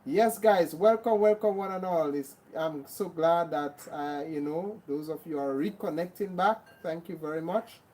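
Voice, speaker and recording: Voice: mid-range voice, normal speed, few pauses, warm tone, rough recording. Grenadian host greeting livestream viewers. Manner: repeats greetings, thanks viewers by name. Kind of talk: casual livestream chat.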